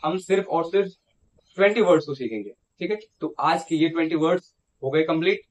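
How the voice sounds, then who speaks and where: High-voiced man drilling vocabulary. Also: brisk. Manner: repeats each word and asks it back; ends phrases with a checking "theek hai". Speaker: English vocabulary teacher. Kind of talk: repetitive classroom-style lesson. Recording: dull lo-fi sound.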